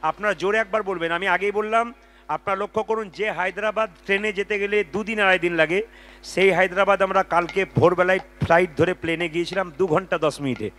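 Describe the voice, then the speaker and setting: A man leading a devotional kirtan at a live gathering. He sings, then talks to the crowd and urges them to chant louder. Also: sits high, steady tone, fast. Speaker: kirtan lead singer. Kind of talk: devotional singing and exhorting the audience.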